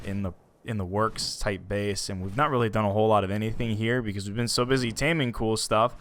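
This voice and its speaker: A man hosting a let's play, chatting casually and getting excited as he plays. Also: on the low side, slight background noise. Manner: chatty, excitable, self-talking while playing. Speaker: gaming channel host.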